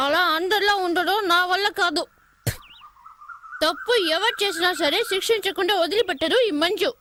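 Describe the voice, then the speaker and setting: A headstrong young woman student in a comic film, who talks back with defiant, bossy certainty. Her voice is very high and bright. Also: normal speed, slight background noise. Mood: indignant.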